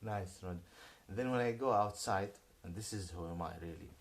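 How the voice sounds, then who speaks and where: This very noisy clip features a roughly forty-year-old man delivering a YouTube rant. He stumbles and circles back over the same points, alternating between yelling and quiet grumbling.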